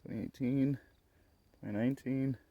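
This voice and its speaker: A man's voice: mid-range voice, steady tone, normal speed, lo-fi sound. A man giving casual off-the-cuff vlog commentary in fragments as he explores outdoors. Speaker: vlogger exploring a graveyard. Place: outdoors in a graveyard at night. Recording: noisy handheld outdoor recording, clicks.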